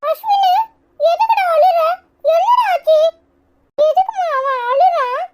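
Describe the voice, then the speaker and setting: A woman's voice: extremely high pitch, expressive, slow pace, a little mellow, slight background noise, heavily acted. A woman voicing a kind older brother, a young boy, in a Tirunelveli Tamil accent. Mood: caring. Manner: kindly, big-brotherly. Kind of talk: cartoon comedy voice acting.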